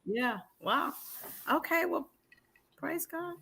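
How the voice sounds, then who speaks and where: A woman's voice: high-pitched, slow, gravelly, sharp tone. A middle-aged woman, a real estate broker guesting on a podcast, chatting in a confident, playful way. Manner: confident, self-assured, playful. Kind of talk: casual chat.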